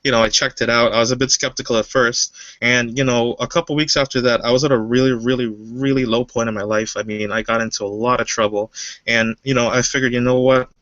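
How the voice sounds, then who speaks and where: A man's voice: mid-range voice, steady tone, brisk, fairly bright tone, no echo, highs cut off. A man from Guyana, a webinar guest, telling his story casually with many fillers. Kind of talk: personal story.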